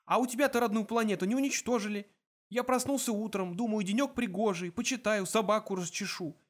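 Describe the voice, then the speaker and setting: Man doing a frantic Earthman, high and wailing, excitable, audiobook character. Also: normal speed. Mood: panicked. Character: frantic panicky Earthman, young adult male.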